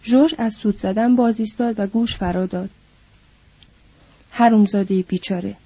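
Woman narrating a novel, calm measured reading, very dark voice, dry close mic. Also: a little high, slightly rough, no echo. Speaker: audiobook narrator. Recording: dull lo-fi recording.

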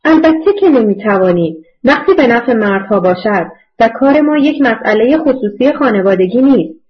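A woman's voice: fairly high pitch, expressive, natural voice. A woman voicing a desperate young woman who pleads with and argues against a police officer, on a dull lo-fi recording. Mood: indignant. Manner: pleading, indignant.

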